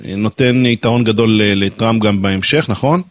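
A man's voice: lowish voice, dry recording. A man with an Israeli accent hosting a live radio morning show, asking questions and linking segments.

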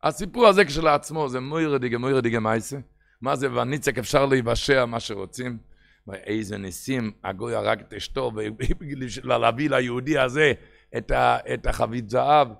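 A man telling a story-based sermon, swinging between hushed asides and loud exclamations. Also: medium pitch, vocal fry. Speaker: preacher.

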